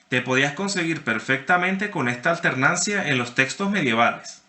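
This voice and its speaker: A man's voice: on the high side, pushed and bright, reverberant. A man teaching a university class online, explaining step by step and often checking that students follow. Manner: explanatory, checks understanding with frequent "¿sí?"; addresses students by name. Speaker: university lecturer.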